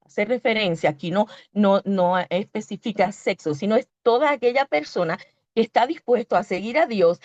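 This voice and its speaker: A woman's voice: mid-range voice, darkish tone, no echo. A Puerto Rican woman preaching a sermon, teaching earnestly and stopping to correct herself as she reads scripture. Her voice sits in an ordinary middle register. The sound is dry and a little dull. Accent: Puerto Rican Spanish. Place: church.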